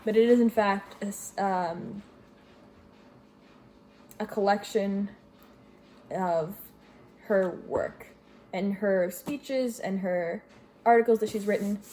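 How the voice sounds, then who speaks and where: A woman's voice: mid-range voice, slow pace, pauses often, mellow. A young woman from Greece casually reviewing books she read, rambling with fillers and correcting herself. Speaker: book vlogger. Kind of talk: casual book review chat. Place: home with washing machine running.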